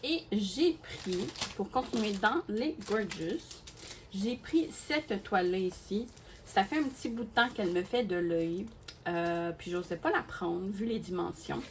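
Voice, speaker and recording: A mid-range female voice, a little slow, belongs to a crafting YouTuber casually talking to her viewers during an unboxing. She gushes with many fillers and repeated words, and the recording carries a steady background noise plus clicks.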